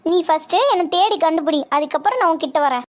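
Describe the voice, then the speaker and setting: A woman voicing a missing young wife who teases her husband gently and playfully from far away. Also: extremely high pitch, fast talker, background noise. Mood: teasing. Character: missing young wife, teasing, heard as a faraway voice.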